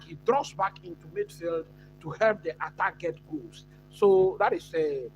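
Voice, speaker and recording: A man from Ghana hosting a live football watch-along, chatting casually and answering viewers with many pauses and fillers. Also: high-pitched, lo-fi sound. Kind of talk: live stream football chat.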